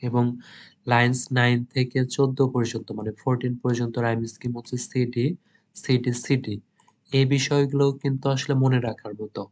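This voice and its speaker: A man with a Bangladeshi accent giving an exam-prep literature lesson, reading English lines slowly and then translating them. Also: mid-range voice, little pitch movement, a little mellow.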